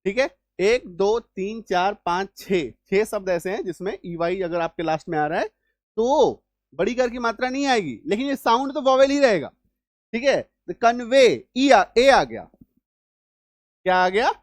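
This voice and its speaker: A man with a high, expressive voice teaches English spelling rules at a measured pace in a classroom-style lesson. He repeats points and often checks that students are following. There's no room sound.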